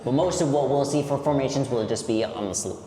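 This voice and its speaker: Male cave guide, explanatory tour delivery, mid-pitched, heavily echoing cave acoustics with noise behind. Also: fast talker, warm tone. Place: inside a cave, on a tour boat. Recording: echoey cave, long reverb, background noise.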